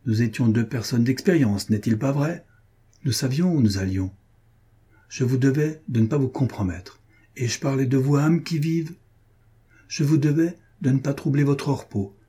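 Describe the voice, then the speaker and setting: A man's voice: medium pitch, moderate pace, dark tone, husky, voice pushed up, close to an everyday voice. A man reading an audiobook, voicing a cold, sceptical young lover who answers in cool, cutting reasoning. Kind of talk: audiobook reading of a classic novel.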